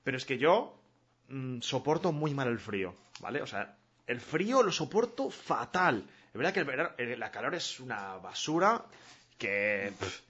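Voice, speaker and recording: A man's voice: medium pitch, sing-song, normal speed, a bit bright, slightly rough. A man from Mallorca hosting a live stream, chatting casually with slang and answering viewers' questions. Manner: casual, slangy, laughs a lot. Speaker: streamer host. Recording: dull lo-fi stream audio.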